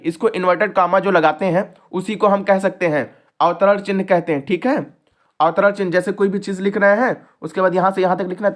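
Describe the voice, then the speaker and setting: A young man teaching an exam-prep lesson, explaining step by step and often checking in with his students. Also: high voice.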